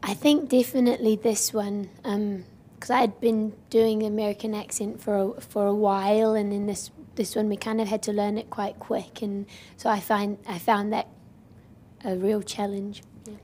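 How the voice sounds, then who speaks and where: Young woman with a flat, soft delivery. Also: mid-range voice, normal speed, a little hiss or hum. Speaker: actress, interview guest.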